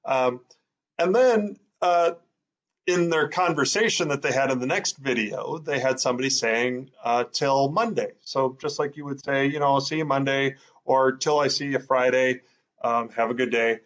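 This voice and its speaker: A man's voice: medium pitch, steady tone, moderate pace, a bit bright, muffled recording. A man teaching in a casual, thinking-aloud way, with many fillers as he sounds out words. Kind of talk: casual explanatory lesson.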